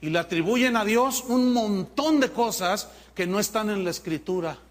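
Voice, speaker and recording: A man preaching a sermon as pastor, in an animated, mocking way. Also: high voice, moderate pace.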